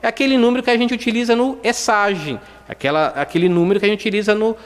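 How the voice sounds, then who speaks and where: Chatty lawyer in a reverberant hall. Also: male voice, high-pitched, quick pace. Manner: conversational, many "né?" tags, acts out dialogue. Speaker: criminal defense lawyer lecturing. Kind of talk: lecture with anecdotes. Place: lecture hall.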